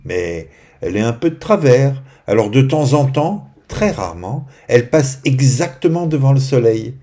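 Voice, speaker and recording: A man narrating a children's bedtime story in a gentle, expressive way, dropping to a hush at quiet moments. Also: mid-range voice, normal speed.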